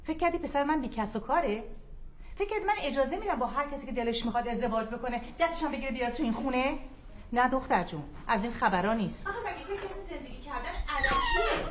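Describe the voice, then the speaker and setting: A woman's voice: sits high, very animated, very noisy. An actress playing a proud, stubborn middle-aged mother who scolds her son's fiancée, in a TV drama. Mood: scolding. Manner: indignant, scolding.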